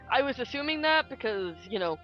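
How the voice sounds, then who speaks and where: A tabletop game player casually narrating a character's moves in the third person, with deliberate, hesitant phrasing. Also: high voice, animated. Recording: dull audio, music underneath.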